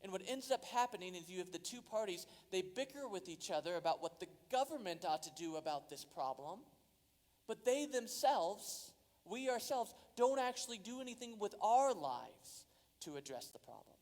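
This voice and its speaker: A man's voice: high voice, big pitch swings, moderate pace, darkish tone. A man preaching a sermon as a pastor, earnest, and his voice rises for emphasis. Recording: long hall reverb.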